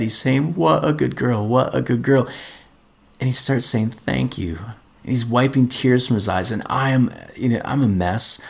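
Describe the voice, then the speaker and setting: A man's voice: mid-range voice, creaky. A middle-aged man, a podcast host, telling a personal story in an earnest way and often repeating words as he gets going.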